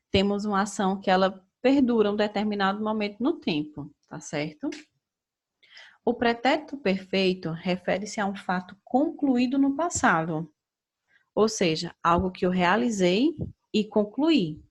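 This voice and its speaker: A young adult woman with a Brazilian Portuguese accent, a teacher giving a recorded grammar lesson in a measured, explaining way that keeps checking in with her students. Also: medium pitch, lively intonation.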